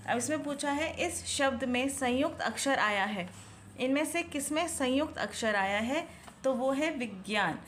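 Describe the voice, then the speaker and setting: A high-voiced woman explains a children's Hindi worksheet, stretching each syllable slowly and asking the viewer what each picture shows. She mixes English words into her Hindi, with a faint hiss behind her. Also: expressive, a bit bright. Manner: slow, drawn-out syllables when sounding out words, questions to the viewer. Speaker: Hindi tutor.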